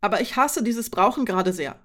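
A woman's voice: mid-range voice, expressive, fairly quick, a bit bright, close to an everyday voice. A woman reading aloud voices a frustrated young woman who is angry about her dependence, speaking in a heated, raised voice.

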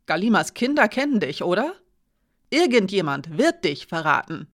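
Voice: medium pitch, sing-song, normal speed. A reader voicing Alina, a shaken young woman warrior. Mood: urgent. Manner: urgent, then quiet and defeated. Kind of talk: audiobook character reading.

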